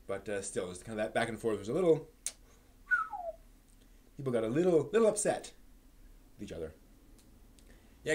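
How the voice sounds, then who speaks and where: A man with a fairly low voice hosts a live stream, rambling casually. He often halts and repeats his words.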